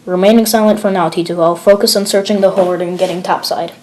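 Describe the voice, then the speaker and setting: A woman's voice: on the low side, steady tone, quick pace, a little mellow, a little hiss or hum, lightly acted. A stern male commander barking curt orders over the radio, as a woman reads him. He keeps it clipped and clinical, a voice of command in an amateur horror audio log.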